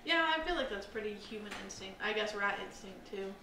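A woman's voice: medium pitch, animated, brisk. A young woman co-hosting a casual podcast, rambling and self-deprecating with many fillers. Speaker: podcast co-host. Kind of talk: casual chat. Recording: roomy, slightly distant mic with faint hiss.

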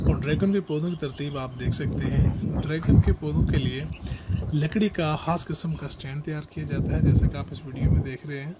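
Outdoors on a dragon fruit farm, a travel vlogger in his thirties narrates into a lapel mic with a selfie-stick camera, using devout greetings and pious phrases. His voice is a little high, and the audio is very noisy.

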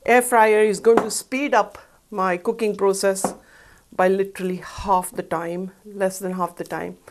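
A woman's voice: mid-range voice, steady tone, a little slow. A middle-aged woman hosting a cooking show, explaining each step in a chatty, upbeat way as she works in a studio kitchen. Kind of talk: cooking demonstration. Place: studio kitchen set, indoors.

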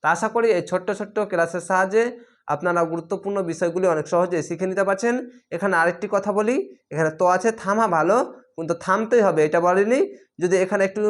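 A man teaching Quran reading in a recorded lesson. He spells words out letter by letter and draws the recited words out slowly. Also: high-pitched. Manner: patient, repetitive instruction.

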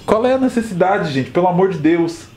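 A man with a Brazilian accent giving casual, excitable commentary on a mobile game, often exaggerating his emotions. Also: high voice, fairly quick, a little hiss or hum. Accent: Brazilian Portuguese. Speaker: Pokémon GO vlogger. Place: outdoors at night, then indoors.

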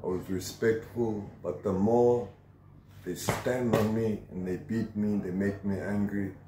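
A man's voice: fairly low pitch, fairly even intonation, a little slow, reverberant, background noise. Tough South African man in his forties. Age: 40s. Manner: tough and emphatic, with preacher-like conviction. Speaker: interviewee. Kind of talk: telling his life story. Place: outdoor shelter against a corrugated metal wall.

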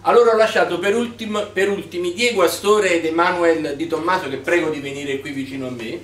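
A man hosts a live poetry workshop evening and introduces the readers in a chatty, hesitant manner. His voice sits a little high. He is recorded from a distance in an echoey room. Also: brisk, a bit bright. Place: poetry reading event.

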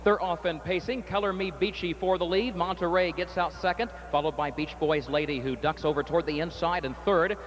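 A man calling a harness race as the track announcer, reading entries and calling the running order in crisp broadcast style. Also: a little high, rough recording. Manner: rapid crisp calling, rising excitement in stretch. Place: outdoor racetrack.

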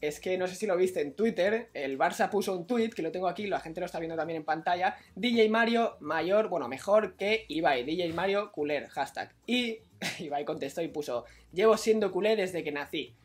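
A man from Spain hosting a show, presenting viral videos in a brisk, chatty way. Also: high voice, animated. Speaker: host.

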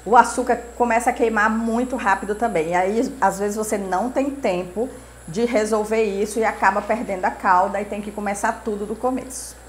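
A woman's voice: mid-range voice, a little fast, slight background noise. A woman in her forties hosting a cooking show in a home kitchen, teaching step by step in a patient, repetitive way.

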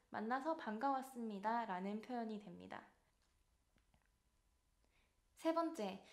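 A woman teaching basic travel phrases, explaining each one and then repeating it slowly and clearly. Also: fairly high pitch. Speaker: language teacher. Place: in Porto, Portugal.

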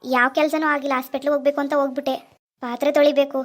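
A woman voicing a tired, gentle pregnant young wife in a cartoon. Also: high voice, level tone, racing, slight background noise, natural voice. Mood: pleading. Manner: gentle, pleading. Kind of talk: animated cartoon voice acting.

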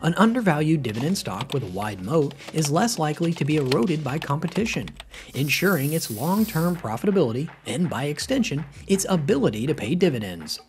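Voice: mid-range voice, sing-song, fairly quick, slight background noise. A narrator reading a scripted explainer on investing, moving steadily through a numbered list.

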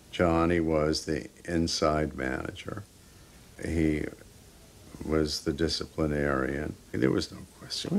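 A man with a very low, gravelly voice speaks bluntly in a documentary interview. he is emphatic and swears now and then. his tone stays plain and unvarnished. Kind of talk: interview recollection.

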